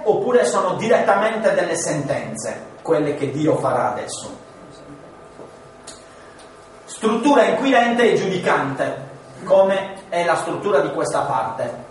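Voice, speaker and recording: A man teaching a class on Genesis, animated and full of rhetorical questions, sometimes acting out voices. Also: high voice, a little hiss or hum. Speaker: Bible teacher. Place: large room with listeners. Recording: echoey hall, distant mic.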